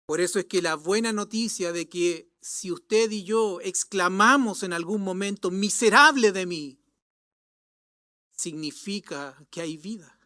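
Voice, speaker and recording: A male pastor delivers a sermon slowly and emphatically, swinging between loud lines and hushed endings. The sound is dry and close, with no room echo. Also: high voice.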